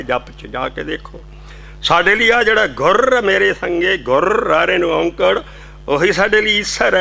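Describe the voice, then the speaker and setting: A man's voice: a little high, creaky, sharp tone. A man giving a devotional sermon, explaining scripture and breaking into sung hymn lines. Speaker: kirtan singer and preacher.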